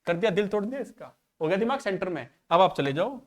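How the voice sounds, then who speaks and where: A man in his thirties teaching maths, talking quickly in a raised, high voice. He drifts into chatty anecdotes and acts out each quoted line as he tells the story. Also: big pitch swings. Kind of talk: casual storytelling in a class.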